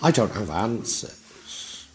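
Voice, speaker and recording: A man's voice: fairly low pitch, sing-song, takes it slowly, background noise. A man in his sixties giving a tarot reading in a reflective, rambling way with frequent restarts. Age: 60s. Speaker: tarot reader.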